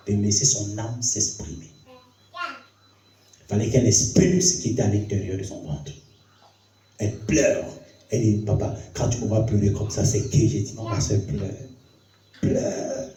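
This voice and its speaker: A man preaching as a pastor, telling a story in a sermon, his voice dropping low and hushed, then climbing high and excited. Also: a little hiss or hum. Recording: roomy hall, voice from far off the mic.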